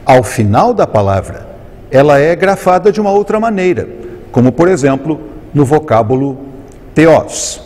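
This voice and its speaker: A man with a Brazilian Portuguese accent teaching Greek in a recorded lesson, explaining terms slowly and carefully and drawing out each Greek word. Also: a little high, big pitch swings, darkish tone. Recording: long reverb on the voice.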